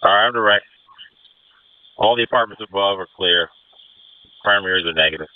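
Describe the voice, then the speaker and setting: A man acting as incident commander, giving brisk orders over a two-way radio. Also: lowish voice, clean tone, no room sound. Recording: narrow phone-like radio channel.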